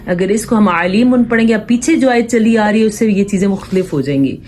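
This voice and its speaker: A woman with a Pakistani Urdu accent gives a patient, step-by-step Quran recitation lesson. Her talk is plain and explanatory, and she slows down to draw out the recited verses as examples. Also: mid-range voice, a little mellow, a little hiss or hum.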